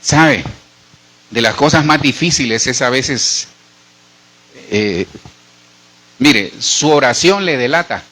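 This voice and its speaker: A man's voice: mid-range voice, animated, slow, pauses often, bright, forceful tone. A middle-aged man with a Colombian accent, preaching a sermon as pastor and speaking straight to his congregation in a conversational way. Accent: Colombian Spanish. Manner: conversational preaching, addresses listeners directly.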